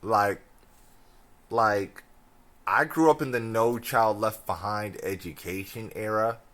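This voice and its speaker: A man's voice: lowish voice, takes it slowly, fairly bright tone. A young American man who sounds drunk, on a casual, slangy, incredulous rant, repeating himself and stumbling over his words. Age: young adult. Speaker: film ranter.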